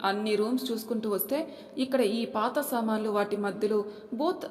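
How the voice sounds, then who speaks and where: A woman's voice: mid-range voice, steady tone, fairly quick, a little mellow, natural voice. A woman doing a cheeky teasing young wife. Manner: mischievous, teasing. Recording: echoey room with long reverb.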